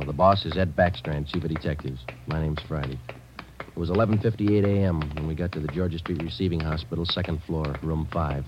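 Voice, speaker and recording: A man's voice: low-pitched, natural voice. An American man playing a terse, dogged police detective in a matter-of-fact, clipped 1950s radio drama style. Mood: flat, businesslike. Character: terse, dogged male police detective narrating his case. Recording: muffled, noisy old radio recording.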